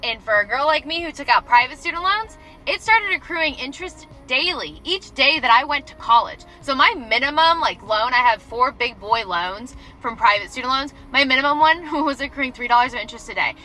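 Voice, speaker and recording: A woman's voice: a little high, bright, forceful tone, low-quality recording. A young woman giving a blunt, candid explainer in a casual vlog, swearing freely. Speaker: social media poster.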